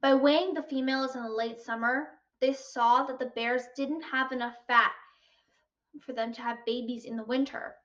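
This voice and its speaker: A woman's voice: sits high, fairly even intonation, normal speed, a bit bright. A girl of about twelve giving a prepared school speech on wildlife in a careful, formal recitation. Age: child, about 12. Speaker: student speaker. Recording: distant, slightly muffled mic.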